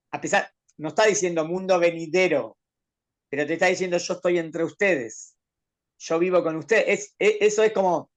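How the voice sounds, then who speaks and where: A man leads a Torah lesson, speaking in a somewhat high voice with plenty of creak and gravel. He explains patiently and keeps checking in with his student through questions. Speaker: rabbi teaching a Torah class.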